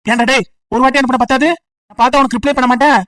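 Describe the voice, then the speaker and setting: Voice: high voice, fairly even intonation, racing, distant mic. A voice actor doing a cursing, fed-up young guy. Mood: exasperated. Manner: shouting insults, exasperated. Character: angry young male student, blunt and cursing. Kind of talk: comic voice acting.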